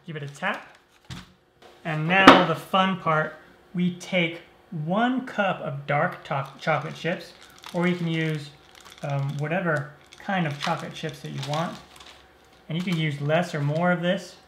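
A man hosting a cooking show, explaining each step of a recipe in a relaxed, easygoing way. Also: a little high, a little slow, background noise. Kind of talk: cooking demonstration. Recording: roomy echo.

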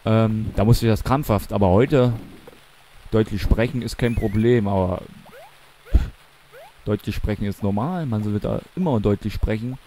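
This young man from eastern Germany, speaking with a Mansfeld accent, commentates a game casually in a warm, lowish voice. He moves at a moderate pace with frequent pauses, rambling and correcting himself along the way.

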